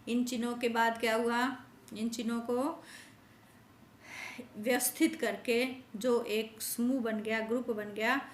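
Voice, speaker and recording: A woman teaching a grammar class, explaining patiently and stretching out sounds so the children can hear them. Her voice sits a little high. The room is echoey, with a faint hum behind her. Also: a bit bright. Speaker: school teacher.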